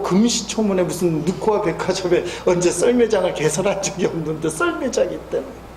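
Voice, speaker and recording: A man in his fifties preaching a sermon as a pastor, telling stories and swinging from soft asides to loud emphatic peaks. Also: sits high, creaky, a little hiss or hum. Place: church sanctuary. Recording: echoey church hall.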